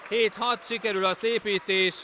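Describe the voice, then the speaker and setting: A man giving excited sports commentary, drawing out his exclamations, in a noisy indoor pool hall. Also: sits high, a faint crowd. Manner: excited, drawn-out exclamations at goals.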